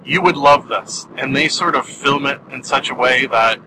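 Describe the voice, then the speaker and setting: A man's voice: medium pitch, moderate pace, background noise. A man giving a casual spoken review, rambling and self-deprecating, with many fillers and restarts.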